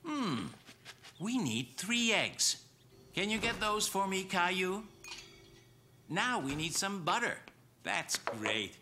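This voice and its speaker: An actor playing a gentle, obliging older man, a kindly babysitting neighbour in a children's cartoon. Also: high-pitched, sing-song, slow pace, pauses often, slight background noise, exaggerated voice. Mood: friendly. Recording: music bed under the voice.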